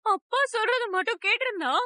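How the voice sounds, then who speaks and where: A woman's voice: extremely high pitch, expressive, a little fast, pushed and bright, dry recording, full character voice. A reproachful family woman. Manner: reproachful, pleading. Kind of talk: dubbed TV serial dialogue.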